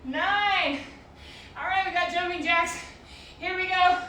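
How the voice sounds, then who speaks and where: Female aerobics instructor, high-pitched and slow-paced, counting reps and giving encouraging form cues; very reverberant room recording. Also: sharp tone. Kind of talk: group workout coaching, counting reps and cueing exercises. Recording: very echoey room, distant mic, noisy.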